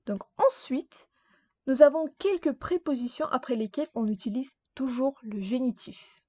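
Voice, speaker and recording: A woman teaching a grammar lesson, speaking slowly and carefully and repeating each example word. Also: high-pitched, lively intonation, dark tone, no echo. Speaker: Russian language teacher. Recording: dull dry lo-fi sound.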